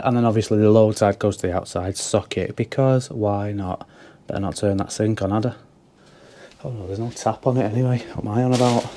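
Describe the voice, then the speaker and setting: A man's voice: mid-range voice, warm tone. A young man, an electrician, chatting casually to a handheld camera as he works indoors, rambling and joking at his own expense. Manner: chatty, self-mocking, rambling asides. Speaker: electrician vlogger. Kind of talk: casual commentary while working. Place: indoors at a house job. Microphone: handheld camera mic.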